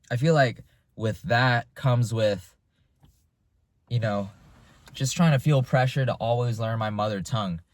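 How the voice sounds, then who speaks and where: A lowish-voiced man in his twenties who grew up in the United States vlogs casually, working through his thoughts in a reflective, unscripted monologue with frequent restarts. There is no echo on the recording.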